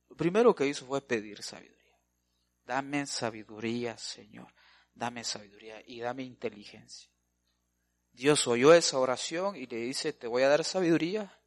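A pastor preaching a sermon, asking his congregation questions and swinging between loud and soft. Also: mid-range voice.

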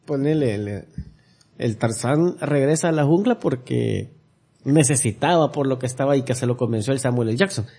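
A man retelling film scenes on a casual podcast, slangy and animated. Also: mid-range voice, moderate pace, slightly rough. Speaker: podcast co-host. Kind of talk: casual movie review chat.

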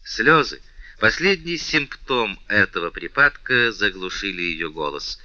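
Male audiobook reader, measured storytelling, low forceful voice, dull lo-fi dry sound. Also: dry recording. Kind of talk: audiobook novel narration.

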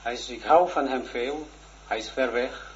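Halting, earnest man in his forties. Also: mid-range voice. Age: 40s. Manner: halting, hesitant, with many restarts; shy and earnest. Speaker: religious teacher. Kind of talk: personal testimony in a religious lesson. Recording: dull lo-fi recording with faint noise.

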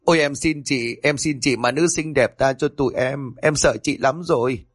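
A man voicing a panicky young man in a ghost story, shouting and pleading in quick, frantic outbursts. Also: on the high side, slightly rough, dry recording, clean studio sound, pitched above the performer's own voice. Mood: panicked. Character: panicky young man, foul-mouthed and whiny.

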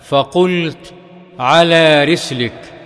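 A man reading hadith aloud in a measured, careful way, lifting some phrases into a melodic chant. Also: a little high, fairly bright tone. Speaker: hadith reader. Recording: long hall reverb.

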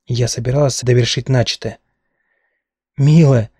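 A man reading a first-person novel aloud at a steady, measured pace. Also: medium pitch, slightly rough, no echo, studio quality. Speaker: audiobook narrator.

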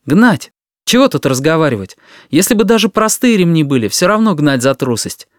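A man doing a calm firm little boy. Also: fairly high pitch, normal speed, no echo, clean studio sound, pitched above the performer's own voice.

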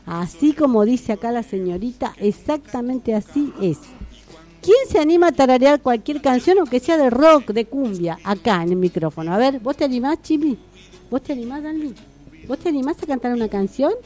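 A woman's voice: high voice, lively intonation, moderate pace, warm tone, soft background music. A woman hosting a radio show, chatting playfully with children and coaxing them to the microphone. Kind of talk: casual radio chat with children. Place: studio with children around a microphone. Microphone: studio microphone.

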